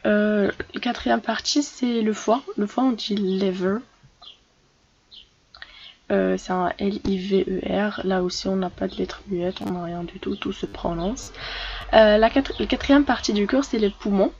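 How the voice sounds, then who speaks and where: Hesitant woman teaching with a gravelly edge. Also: medium pitch, steady tone, unhurried, a little mellow, dull audio, a little hiss or hum. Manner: hesitant, many fillers and restarts. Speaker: English teacher for French speakers. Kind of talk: casual vocabulary lesson.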